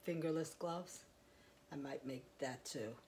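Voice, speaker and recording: Speaking into a clip-on mic in her quiet home, a crochet vlogger with a low voice does a casual show-and-tell of her work. She takes her time, rambling and chatty, full of fillers and small laughs, with a faint hiss in the background.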